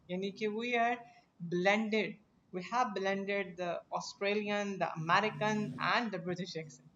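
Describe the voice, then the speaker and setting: A man with a Pakistani accent teaching a live English class, explaining slowly and deliberately. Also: high-pitched, fairly bright tone, dull audio, slight background noise. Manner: slow, deliberate, stretching English phrases.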